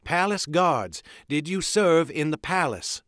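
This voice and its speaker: A man's voice: on the high side, very animated, unhurried, a bit bright, no echo, studio quality, pitched above the performer's own voice. A man reading aloud and voicing a fierce young woman warrior, stern and commanding. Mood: questioning.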